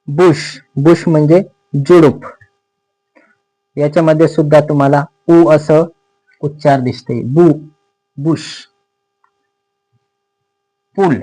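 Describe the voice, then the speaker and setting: A man with a Marathi accent teaching English pronunciation in a slow explanatory lesson, repeating each word and its meaning patiently. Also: a little high, mellow, low-quality recording.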